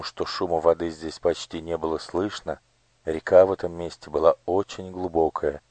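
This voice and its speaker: Male storybook narrator, low and measured, dry studio read. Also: a little mellow, no room sound. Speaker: audiobook narrator.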